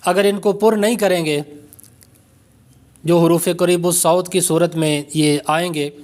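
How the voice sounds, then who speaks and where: A man teaching a recorded Quran reading lesson, with a Pakistani Urdu accent, slowly and carefully pronouncing each letter. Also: fairly high pitch, darkish tone. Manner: slow, careful letter-by-letter pronunciation drills.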